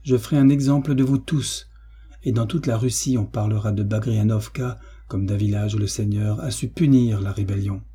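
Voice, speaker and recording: A man's voice: lowish voice, steady tone, normal speed, dark tone, breathy edge. A man reading aloud, voicing a cruel, domineering landowner who speaks in a stern, threatening way. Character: cruel, domineering male landowner, middle-aged.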